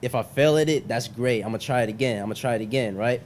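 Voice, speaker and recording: A man's voice: medium pitch, fast, darkish tone. Frat-bro young man, noisy podcast chat. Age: young adult. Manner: frat-bro slangy talk, peppered with bro and man. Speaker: podcast host.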